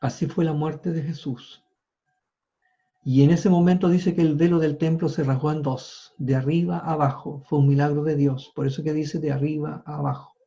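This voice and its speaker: A man's voice: a little high, fairly even intonation, moderate pace, vocal fry, mellow. A man preaching a sermon, retelling scripture with informal asides and small restarts. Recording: dull lo-fi sound.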